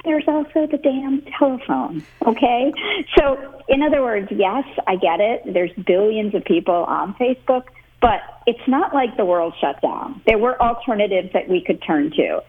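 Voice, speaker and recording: A woman's voice: medium pitch, animated, normal speed. A woman interview guest speaking conversationally and emphatically over a narrow phone line. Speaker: interview guest, author and communications executive.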